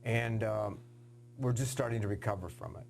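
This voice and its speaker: A man hosting a TV sports interview, asking earnest questions with halting fillers. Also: fairly low pitch, fairly even intonation, creaky, darkish tone, a little hiss or hum. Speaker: sports show host.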